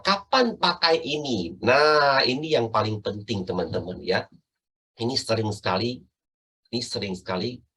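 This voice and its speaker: A man giving an online sales training talk, animated and often checking in with his listeners. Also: mid-range voice, slightly rough.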